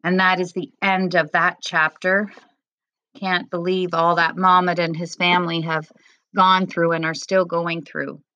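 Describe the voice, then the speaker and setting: A woman teacher reading a novel chapter aloud to her class in a steady, expressive voice. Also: fairly low pitch, a little slow, no room sound, lo-fi sound.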